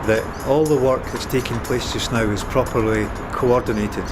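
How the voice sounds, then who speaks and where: A man's voice: medium pitch, fairly even intonation, normal speed, background noise. A man with a Dundee Scottish accent, speaking earnestly in a vox pop interview as a project coordinator. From Dundee, Scotland. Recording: loud music underneath.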